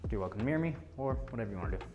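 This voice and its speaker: A man's voice: lowish voice, lively intonation, rapid-fire, dull audio. A man teaching a martial arts class as instructor, giving short, clipped counts and commands and explanations of drills. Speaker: taekwondo instructor.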